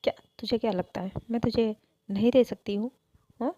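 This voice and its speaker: A woman's voice: on the high side, steady tone, brisk, dark tone, close to an everyday voice. A woman doing a hot-tempered older sister. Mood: threatening. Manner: threatening, flustered.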